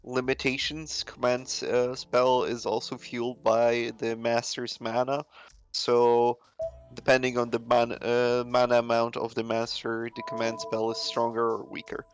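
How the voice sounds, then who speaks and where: A man's voice: mid-range voice, monotone, unhurried. A man co-hosting a casual playthrough, explaining game lore at length with many uhs and dry humor.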